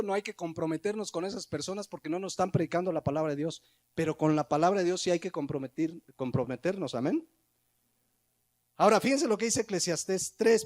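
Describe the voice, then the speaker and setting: A man's voice: high voice, darkish tone. A man preaching a sermon in a church as pastor, emphatic, asking rhetorical questions and acting out his listeners' answers. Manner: emphatic, rhetorical questions, acts out the congregation's replies.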